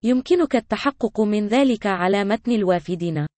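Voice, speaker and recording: A woman's voice: medium pitch, animated, a little fast, a little mellow, dry recording. A woman narrating a language lesson with scripted example sentences for learners.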